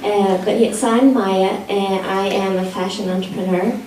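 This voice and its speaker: Woman, panel speaker, mellow sweet voice, halting delivery, echoey hall, distant mic. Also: steady tone, slight background noise. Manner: high sweet voice, hesitant fillers. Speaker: fashion entrepreneur. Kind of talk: panel discussion answer. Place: large meeting room with audience.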